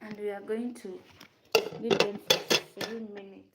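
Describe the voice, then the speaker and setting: A young Ugandan vlogger and native Luganda speaker chats casually with viewers while cooking. Her mid-range voice has a flat delivery, a Ugandan accent, and a measured pace, and the home recording is noisy.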